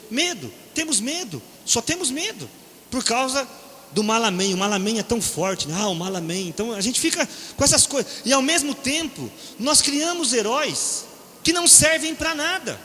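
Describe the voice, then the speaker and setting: Bright-voiced Brazilian preacher in an echoing hall. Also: male voice, sits high. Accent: Brazilian Portuguese. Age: middle-aged. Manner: animated, jokes and acts out quoted voices, keeps asking "né?". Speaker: preacher at a deliverance seminar. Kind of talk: humorous storytelling sermon. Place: church or seminar hall. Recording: echoey hall.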